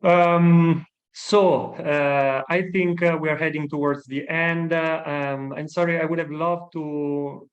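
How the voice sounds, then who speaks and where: A man's voice: fairly high pitch, fairly even intonation, slow pace, lo-fi sound. Hesitant male panel moderator. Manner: hesitant, many fillers. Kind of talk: panel discussion.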